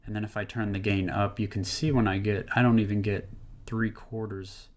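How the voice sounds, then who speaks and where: A man's voice: fairly low pitch, flat delivery, normal speed, darkish tone, slight background noise. A man casually talking through a microphone test at home, rambling with fillers and moving closer and farther from a desk condenser mic. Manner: easygoing, rambling, lots of fillers. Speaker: tech reviewer. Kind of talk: casual product demo. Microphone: condenser desk microphone, distance changing.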